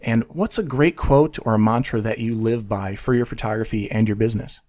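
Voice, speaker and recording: A man's voice: on the low side, a little fast, a little mellow. A man hosting a casual photography podcast, upbeat and friendly as he reads promos and chats with a guest. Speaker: podcast host.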